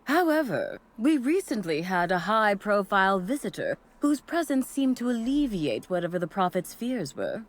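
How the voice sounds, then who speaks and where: A woman voicing a devoted female cult assistant in a game, giving a chipper pitch that sags into tired resignation. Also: big pitch swings, moderate pace, hardly any pauses, close to an everyday voice. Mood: polite. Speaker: voiced game character.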